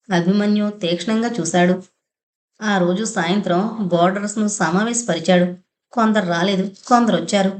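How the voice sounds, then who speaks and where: A woman's voice: mid-range voice, darkish tone. A woman reading a novel aloud as an audiobook, narrating and reading the dialogue in her own voice. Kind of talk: reading a novel aloud, voicing all characters.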